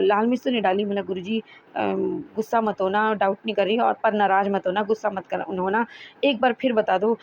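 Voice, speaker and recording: A woman's voice: medium pitch, darkish tone. A woman casually sharing a devotional testimony with listeners, chatty and rambling with frequent restarts, earnest and pleading when she speaks to her guru. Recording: dull lo-fi recording with faint hiss.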